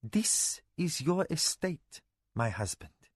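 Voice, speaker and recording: A man voicing a composed young noblewoman who answers her husband flatly and with restraint. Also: high-pitched, unhurried, no room sound, voice pushed up, full character voice. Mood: restrained. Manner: flat, controlled, restrained. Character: composed young noblewoman, quietly determined wife.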